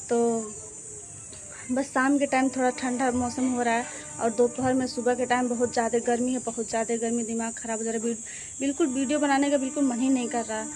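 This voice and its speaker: A woman's voice: fairly high pitch, darkish tone. Chatty woman vlogger, Bhojpuri-tinged Hindi. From eastern Uttar Pradesh, India. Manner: chatty, repeats "what to say" often. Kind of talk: casual vlog chat. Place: outdoors at a village home.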